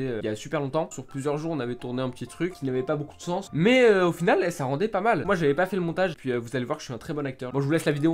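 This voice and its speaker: This young adult man has a fairly high, slightly mellow voice. He's a gaming YouTuber looking back at his old videos, joking at his own expense, laughing a lot, and casually swearing into a desktop mic.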